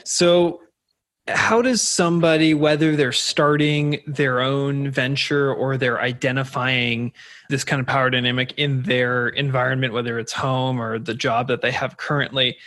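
A man's voice: medium pitch, fairly even intonation, unhurried, fairly bright tone, dry recording. A man hosting an interview who asks thoughtful, rambling questions. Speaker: podcast host.

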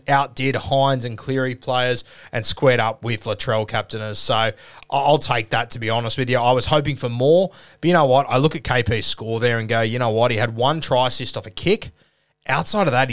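An Australian man hosts a casual sports podcast. His mid-pitched voice moves informally through a fantasy league update, with plenty of slang. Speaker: podcast host.

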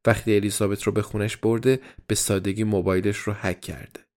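A man with a fairly low voice reads a novel aloud as a first-person diary. His delivery stays even and measured, a steady storyteller's pace through the entries. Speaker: audiobook narrator.

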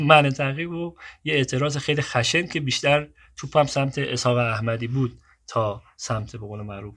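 A man's voice: mid-range voice, a bit bright, breathy edge. Man casually telling a personal story. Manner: digressive, keeps cutting himself off and moving on.

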